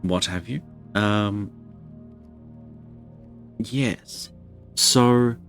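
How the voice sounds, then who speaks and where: Rambling man with a gravelly low voice. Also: very slow, fairly bright tone, soft background music. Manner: rambling, chatty, self-deprecating. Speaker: streamer. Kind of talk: casual live-stream chat.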